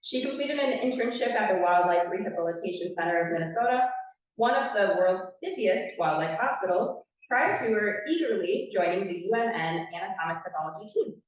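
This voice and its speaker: A woman's voice: medium pitch, lively intonation, fairly quick. A woman with a Wisconsin accent presenting at an award ceremony, reading out each winner's biography with brief asides. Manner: announcing, reading scripted bios with brief asides. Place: large conference hall. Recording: echoey hall from far off.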